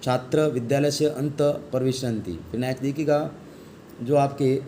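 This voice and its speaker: A man's voice: medium pitch, fairly even intonation, moderate pace, mellow, a little hiss or hum. A male teacher giving an online class lesson, reading Sanskrit text aloud and explaining it in Hindi, asking the class questions and answering them himself.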